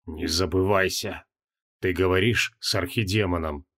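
A man voicing a menacing archdemon in an audiobook, speaking in a hoarse, growling, slow way. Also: medium pitch, darkish tone, close to an everyday voice. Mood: cold menace. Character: menacing male archdemon, wrathful former mage.

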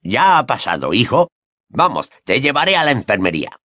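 A man doing a gruff, insistent grown man. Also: mid-range voice, wildly swooping pitch, moderate pace, sharp tone. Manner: insistent, coaxing.

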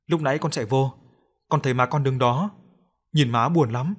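A man's voice: mid-range voice, normal speed, slightly rough, lightly acted. A man voicing a small grieving boy in a spoken audio story, with a tearful, pleading manner. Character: small boy grieving, crying for his dead mother.

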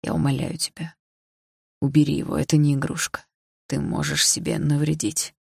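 A woman voicing a guarded, desperate young man who pleads in a low, hushed voice, in an audiobook. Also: little pitch movement, moderate pace, gravelly, breathy edge, no echo, studio quality, full character voice. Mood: hushed pleading.

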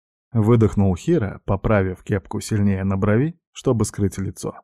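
A man's voice: fairly low pitch, moderate pace, mellow, dry recording, studio quality. A man reading a novel aloud as an audiobook narrator, telling the story steadily and voicing each character in turn.

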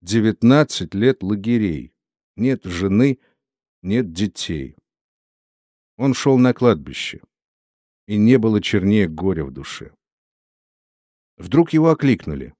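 A man narrating a literary novel in a steady, solemn storytelling manner. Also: lowish voice, a little slow, pauses often, no room sound, studio quality. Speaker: audiobook narrator.

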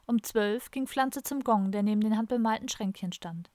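A woman narrating an audiobook in a steady, even storytelling manner. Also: a little high, normal speed, dry recording, studio quality. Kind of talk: scripted narration.

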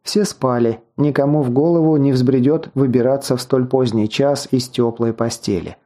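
A man narrating a fantasy novel in the first person, in an even, storytelling manner with wry asides. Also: mid-range voice, normal speed. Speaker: audiobook narrator.

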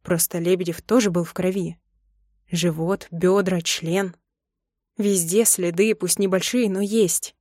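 A woman reading a novel aloud in first person, expressive and dramatic. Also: on the low side, measured pace, dry recording, studio quality. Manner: expressive, acts out emotional dialogue. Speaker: audiobook narrator. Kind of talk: first-person audiobook narration.

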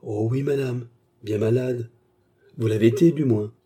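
A man reading aloud, voicing a sly young chambermaid who speaks in a sugary, falsely tearful way, with a husky voice. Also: mid-range voice, fairly even intonation, moderate pace, dark tone, lightly acted. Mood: feigned pity.

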